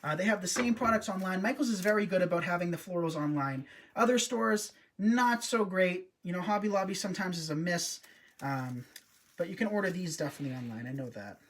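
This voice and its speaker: Speaking a little fast in a high-sitting voice, this wreath designer hosts a live craft demonstration, staying chatty and cheerful and often addressing his viewers while he builds a wreath.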